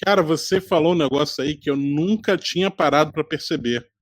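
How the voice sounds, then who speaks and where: A man hosting a casual fan podcast, his voice sitting fairly high for a man. He asks questions in a relaxed, conversational way. The sound is dry, with no room echo. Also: fairly quick. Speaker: host. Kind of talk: casual chat.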